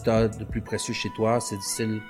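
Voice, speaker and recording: A man's voice: lowish voice, level tone, brisk, darkish tone, soft background music. A man with a Quebec French accent telling his story in a casual conversation, slipping English slang into his French. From Canada. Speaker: guest.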